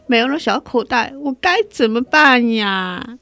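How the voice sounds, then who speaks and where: A woman's voice: a little high, lively intonation, a little slow, no echo, faint music behind, exaggerated voice. A woman doing a small weepy furry creature. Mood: sad, tearful. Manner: soft, weepy and pleading. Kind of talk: storybook reading.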